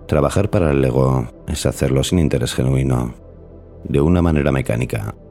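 Casting: male podcast host, very deep and mellow, formal scripted delivery. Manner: measured, formal. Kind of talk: scripted narration.

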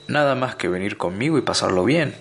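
A man's voice: fairly low pitch, animated, brisk, creaky. A man voicing a smug, breezy alien traveler. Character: breezy alien hitchhiker man, smugly cheerful.

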